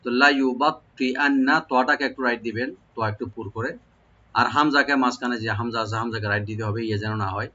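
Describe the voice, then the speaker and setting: Recitation teacher, male, bright voice, slow drawn-out words, dull lo-fi sound. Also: medium pitch, steady tone, a little hiss or hum. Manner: breaks off to spell out letter sounds, repeats words slowly and drawn out. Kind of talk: tajweed lesson, explaining then reciting verses slowly.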